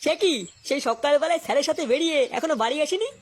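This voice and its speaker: A woman's voice: high voice, animated, quick pace. A woman voicing a stammering gossipy village man. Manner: stammering when scared. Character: gossiping cowardly male village friend.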